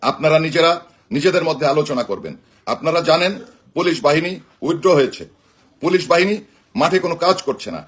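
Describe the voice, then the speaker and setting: A man with a husky voice and a Bangladeshi accent, giving an emphatic, declamatory political speech on a live stream. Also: fairly high pitch, expressive, fast, long pauses. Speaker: political party activist.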